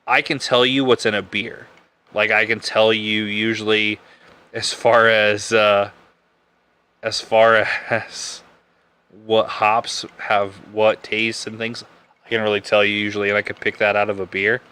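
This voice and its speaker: A young man talks casually as a podcast host, rambling and backtracking in a relaxed way. His voice sits a little low, but it has a bright, forceful edge and a smooth, crisp clarity. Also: unhurried. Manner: rambling, laid-back, self-correcting. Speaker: podcast host reviewing bourbon. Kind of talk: casual live-stream chat.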